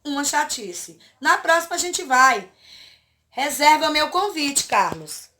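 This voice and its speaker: Woman reading schoolgirl character, sick, missed a party, workbook dialogue, slow, bright. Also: high-pitched, very animated, slight background noise, exaggerated voice. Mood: plain. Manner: read aloud slowly from an exercise.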